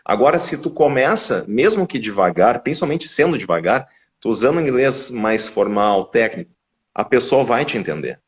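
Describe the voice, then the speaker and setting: A man's voice: mid-range voice, lively intonation, normal speed. A man, a guest from a language school, explaining at length in casual live-stream conversation with frequent restarts. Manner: explanatory, restarts with repeated words. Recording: dull lo-fi audio.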